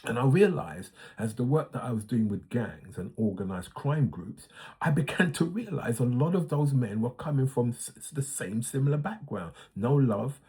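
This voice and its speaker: A man's voice: medium pitch, expressive, normal speed, a little mellow, slightly rough. A man in his sixties hosting his own series, talking earnestly and reflectively with frequent fillers and restarts. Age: 60s. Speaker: host. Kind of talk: casual monologue.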